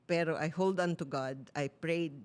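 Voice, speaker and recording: A woman's voice: sits low, unhurried. A middle-aged woman candidly telling a personal story on a talk show, switching between Tagalog and English. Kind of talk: casual talk-show chat.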